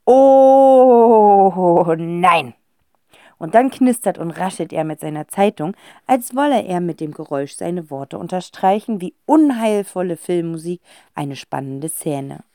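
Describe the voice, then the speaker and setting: A woman narrating a children's audiobook with a lively, expressive reading. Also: fairly low pitch, normal speed, dry recording, clean studio sound.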